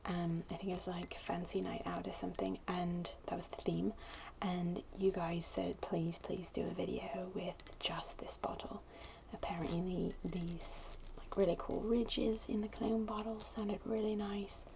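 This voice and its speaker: A woman speaking very softly and breathily in a casual, hesitant ASMR chat to viewers, in a hushed near-whisper. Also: lowish voice, flat delivery, measured pace, hardly any pauses. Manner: very soft, breathy, hushed delivery. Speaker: ASMR video creator. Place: indoors at a wooden table. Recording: clicky tapping noise over close voice. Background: fingernail tapping and scratching on glass bottle.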